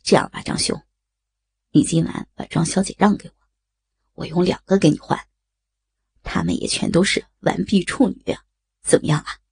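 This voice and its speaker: A woman's voice: on the low side, lively intonation, normal speed, creaky, pauses often, darkish tone, husky, dry recording, voice pushed down, exaggerated voice. A woman voicing lecherous middle-aged male businessmen in a storybook, with sleazy, mocking banter. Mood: leering.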